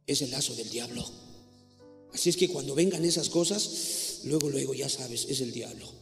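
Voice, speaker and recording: A man preaching a sermon, animated, acting out quarrels in a shrill voice. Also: moderate pace, vocal fry. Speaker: pastor. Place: church hall. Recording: echoey hall with faint music.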